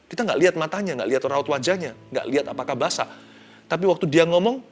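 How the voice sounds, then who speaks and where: A male pastor, giving an expressive devotional sermon that swings from hushed to loud and mixes in English phrases. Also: fairly high pitch, fast talker. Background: soft background music.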